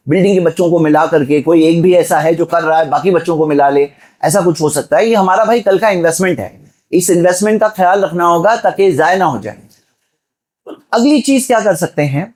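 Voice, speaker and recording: A man's voice: a little high, a little mellow. A man delivering a Friday sermon, exhorting the listeners and asking them rhetorical questions. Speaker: preacher.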